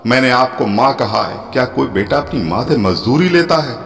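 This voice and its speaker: A man voicing a gentle, humble young man. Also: mid-range voice, animated, vocal fry, pitched above the performer's own voice. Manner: soft, slow and tender. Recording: long hall reverb with soft music.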